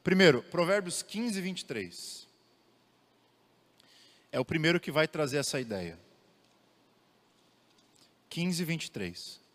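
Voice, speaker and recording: A young Brazilian man teaching the Bible in a lively way, asking his listeners rhetorical questions. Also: a little high, slow, long pauses. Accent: Brazilian Portuguese. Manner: animated, asks the audience rhetorical questions. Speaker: theology teacher. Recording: long reverb of a large room.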